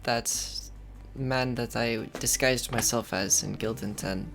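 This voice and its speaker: A man playing a tabletop game in character, talking in halting, hesitant bursts. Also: medium pitch, fairly even intonation, vocal fry, over music. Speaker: player.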